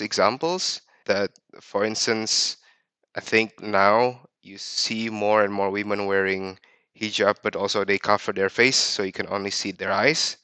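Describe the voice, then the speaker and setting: A man in his thirties from Indonesia shares his life story as a podcast guest. His voice is bright and forceful and sits a little low, recorded close and dry. He talks reflectively, often stopping to restart a sentence. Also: dry recording. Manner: reflective, with frequent restarts and fillers. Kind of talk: personal storytelling.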